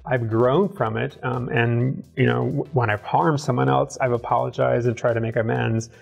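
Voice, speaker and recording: Gravelly, husky man telling his story. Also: medium pitch, level tone, dull audio, faint music behind. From southern United States. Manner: self-deprecating, quick sardonic wit. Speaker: interview guest. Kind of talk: candid conversational storytelling.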